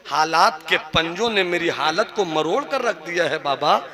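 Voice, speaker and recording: A man voicing a poor, humble woman who pleads earnestly and softly with a saint in a sermon story. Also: on the high side, lively intonation, normal speed, crowd noise. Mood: pleading.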